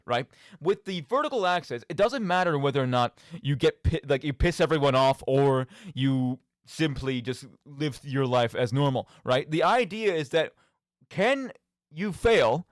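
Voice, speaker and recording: A man with a medium-pitched voice hosts a podcast and radio show, casually rambling about video games in a clean studio recording with no echo. He's animated and emphatic, often checking that listeners follow by asking "right?"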